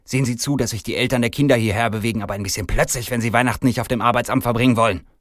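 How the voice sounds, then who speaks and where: A man's voice: mid-range voice, lively intonation, brisk, no room sound, clean studio sound, pitched above the performer's own voice, lightly acted. A man voicing a spiteful, bossy middle-aged store manager in a read-aloud story, hissing his orders. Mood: snappish.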